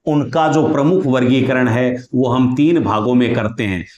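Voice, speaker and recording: A man teaching a lesson on Hindi consonants, asking questions and repeating sounds slowly for his students. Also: medium pitch, darkish tone, roomy sound. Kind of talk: explanatory grammar lesson.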